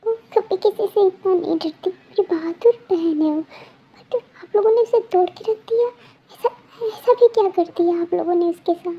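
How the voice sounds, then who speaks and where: A woman's voice: very high voice, a little slow, muffled recording, voice pushed up. A young woman voicing a frantic, protective older sister in a fan-made story, pleading and accusing through tears.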